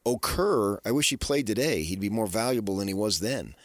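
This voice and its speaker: A man with a fairly low, animated voice hosts unscripted sports talk radio at a brisk pace, with no echo. He often drives home his points through repeated rhetorical questions.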